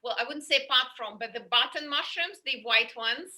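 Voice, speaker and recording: A woman's voice: high-pitched, moderate pace, rough recording. A woman herbalist explaining remedies in casual chat, talking with many restarts and fillers. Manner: chatty, full of restarts and fillers, warm enthusiasm for remedies. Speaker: herbalist guest. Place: london.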